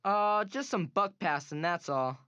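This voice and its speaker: A woman voicing an eager, earnest teenage boy sidekick in an animated superhero comic, with boyish enthusiasm. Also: on the low side, measured pace, clear, resonant tone, dry recording, lo-fi sound. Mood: dismissive.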